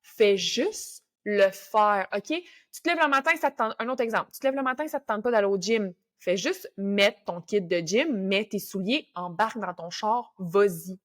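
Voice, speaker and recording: A woman's voice: medium pitch, lively intonation, normal speed. A young woman with a Québécois French accent hosting a motivational podcast, talking casually and coaching listeners with English words mixed in. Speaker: podcast host.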